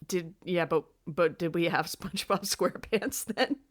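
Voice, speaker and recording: A woman with a fairly low voice co-hosting a casual podcast about a TV episode. She talks in an easy, conversational way. She gets animated and climbs in pitch when she gives her own reactions to scenes. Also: moderate pace. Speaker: podcast co-host. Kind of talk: casual recap chat.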